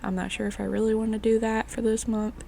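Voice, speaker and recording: A young woman speaks in a deeply gravelly, hoarse voice, raspy from a chest illness. Her tone is soft and mellow, and she rambles along in a chatty, casual voice-over. A faint hiss sits behind her. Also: little pitch movement, quick pace. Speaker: craft vlogger. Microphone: voice-over mic.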